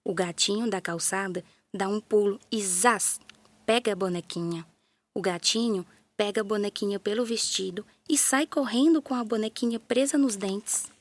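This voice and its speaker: With no room sound and a mid-range voice, a Brazilian Portuguese-accented woman narrates a kids' story. She keeps it soft and playful, sprinkling in small sound effects.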